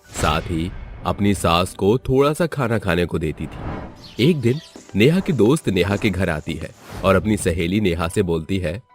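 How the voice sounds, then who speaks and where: A man narrating a storybook tale in an expressive, scripted way. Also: deep voice, measured pace, soft background music.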